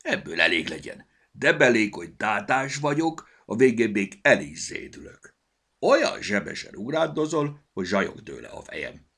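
A man's voice: sits low, sing-song, gravelly, fairly bright tone, breathy edge, exaggerated voice. A man voicing a sick little male goblin with a cold, speaking with a blocked nose and grumbling. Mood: grumpy. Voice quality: stuffy blocked-nose speech. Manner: grumbling, tired. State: congested with a cold.

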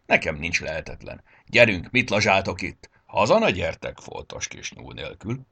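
A man voicing a bossy, grumpy old Santa Claus in a storybook reading, with a gravelly voice. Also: deep voice, big pitch swings, pushed and bright, full character voice. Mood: grumbling.

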